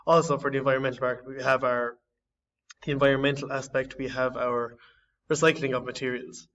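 Halting young man presenting his project. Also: medium pitch, little pitch movement, a bit bright. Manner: halting, searching for words, frequent restarts. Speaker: design student. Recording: slightly distant, dull lo-fi audio.

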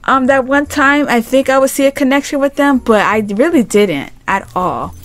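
A chatty woman reads a romance story game aloud and gushes over it. She giggles often and talks to her viewers in a casual, excited way. Her voice sits in a middle range. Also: high voice, moderate pace. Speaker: gaming YouTuber.

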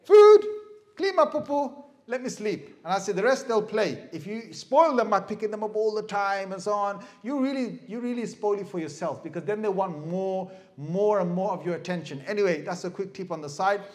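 A middle-aged man giving a lively sermon as an Islamic preacher, asking the audience questions and acting out crying babies. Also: high-pitched, a little fast, hardly any pauses. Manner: animated, asks the crowd questions, mimics crying babies.

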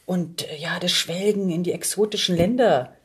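As a podcast guest, this middle-aged Berlin performer drifts through stories in casual chat, her sentences looping and often left unfinished. She talks at a normal speed in a lowish voice with a breathy edge.

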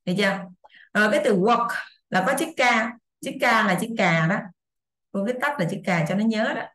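An English teacher explains a lesson in a casual, chatty online session, repeating examples and making sure her students are keeping up. Her medium-pitched voice is lively, fairly quick, and a bit bright, with a roomy echo on the recording.

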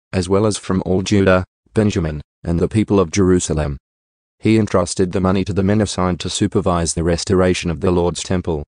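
Low-voiced guy reading the bible, steady and measured, dry close sound. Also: no echo. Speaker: Bible reader. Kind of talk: scripted scripture reading.

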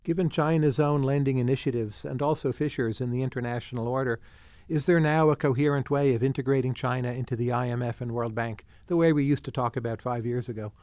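A man hosting a podcast interview, asking brisk, direct questions. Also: mid-range voice, fairly even intonation, darkish tone, no room sound. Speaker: podcast host.

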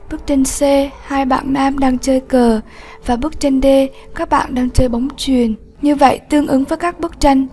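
High-voiced woman teaching slowly. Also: darkish tone, a little hiss or hum. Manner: slow, clear, patient explaining. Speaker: English teacher. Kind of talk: classroom lesson narration.

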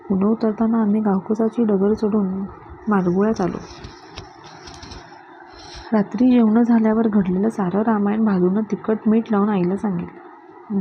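A woman reading a story aloud in a steady, measured narration. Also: medium pitch. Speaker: story reader. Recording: dull lo-fi with faint hiss.

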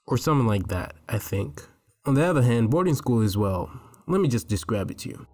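A teenage man from Tanzania narrating a comedic animated story in a joking, slangy way. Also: medium pitch, a little fast, faint music behind. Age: teens.

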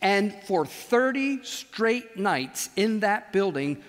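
Older man preaching in a reverberant hall. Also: high-pitched. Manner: animated, gesturing, with slow emphatic pauses. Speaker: chapel speaker. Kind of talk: sermon. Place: large auditorium stage.

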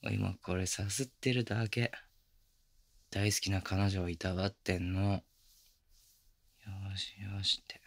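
A man playing a teasing, affectionate young boyfriend in intimate ASMR role-play, murmuring softly and very close to the microphone. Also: sits low, little pitch movement, a little slow, pauses often, no room sound, heavily acted. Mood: playful teasing. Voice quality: breathy, gravelly. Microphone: very close binaural microphone, dry.

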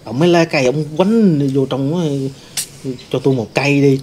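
A man's voice: mid-range voice, moderate pace, a little mellow, slight background noise, lightly acted. A man playing a sorrowful wronged ghost. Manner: rambling storytelling, many fillers. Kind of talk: staged ghost-hunting role-play.

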